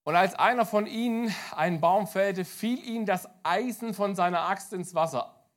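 A man preaching a lively sermon as pastor to his church, swinging between loud and soft. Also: high-pitched, moderate pace.

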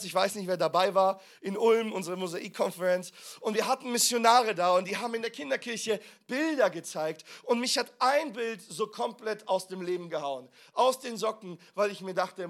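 A man preaching a sermon as pastor, asking the congregation questions and stressing key words loudly. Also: high-pitched. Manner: preaching with sudden loud emphasis and rhetorical questions.

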